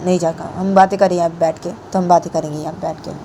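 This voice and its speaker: A woman's voice: fairly low pitch, flat delivery, quick pace, dark tone, slight background noise, natural voice. A woman voicing a young man, a cousin who keeps repeating himself insistently in a homemade story. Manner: repetitive, insistent. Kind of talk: amateur storytelling voice acting.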